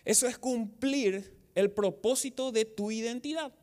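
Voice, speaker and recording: A man's voice: very high-pitched, a little slow, darkish tone. A man with a Paraguayan Spanish accent preaching a sermon as pastor, asking the congregation rhetorical questions and acting out quotes. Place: outdoor church service.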